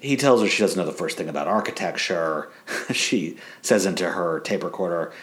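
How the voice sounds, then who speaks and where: Very low-voiced man recapping a sitcom. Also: normal speed, a bit bright. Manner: chuckles often while retelling scenes. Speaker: podcast co-host. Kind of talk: casual TV episode recap chat.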